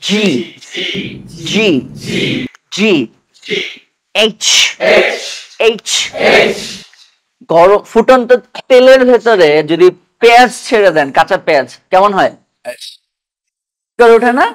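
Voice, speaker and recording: A man teaching English pronunciation to a class, drilling letters slowly and patiently for students to repeat. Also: sits high, expressive. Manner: slow, patient, repeats each sound for students to echo.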